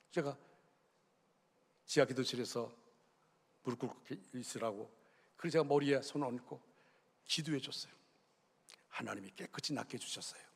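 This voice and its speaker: Middle-aged guy pastor, kinda high voice, goes hushed then fervent, big church reverb. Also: creaky, slightly rough. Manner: emotional storytelling, swinging from hushed to fervent. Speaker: senior pastor. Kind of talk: sermon. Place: church sanctuary. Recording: long reverb of a church hall.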